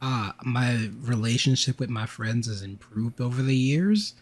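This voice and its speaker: A man's voice: medium pitch, unhurried. A man co-hosting a podcast, telling a rambling story in casual chat and acting out what people said. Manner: rambling storyteller, acts out quotes. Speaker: podcast co-host.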